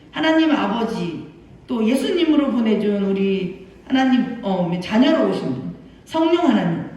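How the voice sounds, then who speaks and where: A woman pastor giving an animated sermon to children, talking to them with playful asides. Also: high voice. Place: church sanctuary. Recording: far-off voice in a very echoey church hall.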